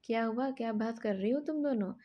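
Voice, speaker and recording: A woman's voice: fairly high pitch, a little fast, muffled recording, natural voice. A woman narrator voicing a stern, scolding middle-aged mother-in-law.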